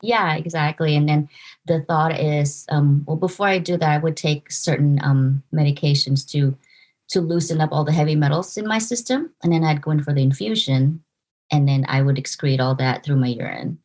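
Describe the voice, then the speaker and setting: A woman in her forties from the Philippines, speaking as a podcast guest. Her voice sits low with a mellow, relaxed tone, and she talks earnestly, halting and restarting her thoughts. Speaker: podcast guest, nurse practitioner. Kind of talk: casual interview conversation.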